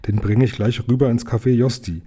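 A man's voice: medium pitch, fairly even intonation, fairly quick, dark tone, slightly rough, natural voice. A man voicing a brash, bossy street boy who leads a gang, in a storybook reading. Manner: bossy, cheeky.

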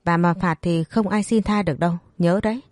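A woman's voice: fairly low pitch, steady tone, brisk, a little mellow, no echo, lightly acted. A woman voicing a strict older matriarch who lectures in a stern way.

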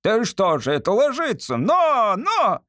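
A coarse, rowdy cab driver, as a man voices him, bawling at his nag in high, cracking shouts. The voice leaps wildly in pitch. It is recorded close and dry. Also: wildly swooping pitch, a little slow, no echo, full character voice.

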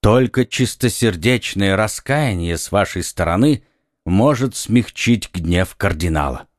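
A man's voice: on the low side, lively intonation, a little slow, no echo, clean studio sound. A man voicing a stern, blustering police commissioner questioning a prisoner in an audiobook. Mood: interrogating. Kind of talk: audiobook reading.

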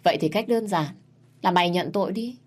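Woman reading a scheming crown prince, taunting, menacing, low. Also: brisk, darkish tone, close to an everyday voice.

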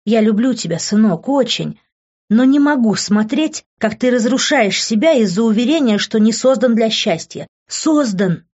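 A woman's voice: on the high side, animated, normal speed, darkish tone, pitched above the performer's own voice. A woman voicing a stern, loving middle-aged mother who lectures her grown son insistently. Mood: scolding. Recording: dull lo-fi recording.

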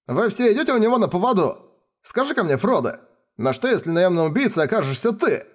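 A man's voice: high voice, very animated, quick pace, voice pushed up. A man voicing a brash, hot-tempered male general who taunts and blusters in a raised voice. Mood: alarmed.

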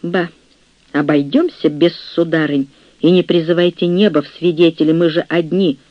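A woman's voice: low voice, fairly even intonation, normal speed, no room sound, dull audio, natural voice. A man voicing a fierce old aristocratic woman who scolds harshly and bitterly, in a storybook reading. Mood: scornful. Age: older. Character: fierce old aristocratic aunt, scornful and angry.

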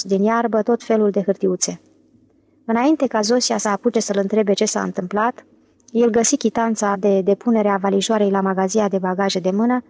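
A woman narrating an audiobook in a steady, even reading. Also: medium pitch, dry recording. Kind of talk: scripted narration.

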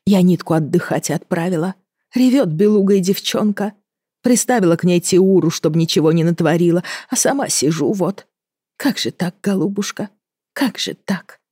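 A woman voicing a kind, motherly older housemaid who talks softly and sighs over her worries. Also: fairly low pitch, normal speed, breathy edge, no room sound, clean studio sound, pitched above the performer's own voice. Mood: worried. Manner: soft, motherly, sighing.

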